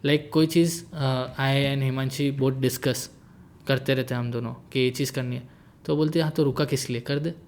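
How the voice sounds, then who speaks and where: Speaking at a moderate pace with a steady, slightly mellow medium-pitched voice, a late-twenties man jokes easily as a guest in a relaxed chat. He drops English phrases into his Hindi sentences.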